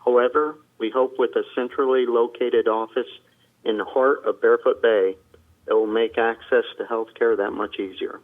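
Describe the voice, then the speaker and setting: A man's voice: medium pitch, steady tone. Man speaking over a tinny speakerphone. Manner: reads steadily with filler pauses. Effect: heard over a speakerphone. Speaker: business owner addressing a board. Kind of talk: prepared statement to a public meeting. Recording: tinny phone line on a speakerphone.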